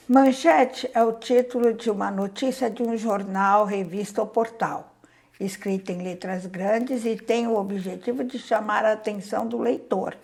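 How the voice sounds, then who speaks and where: A woman's mid-range, gravelly, slightly mellow voice is heard as she, a Brazilian primary teacher, reads a school worksheet aloud and explains it to young children. Patiently, she counts out loud and questions them, in a Brazilian Portuguese accent.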